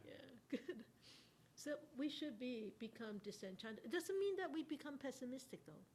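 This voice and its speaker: A Buddhist nun giving an interactive Dharma talk to a study class, unhurried, questioning her listeners and laughing often. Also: high voice, very animated, darkish tone.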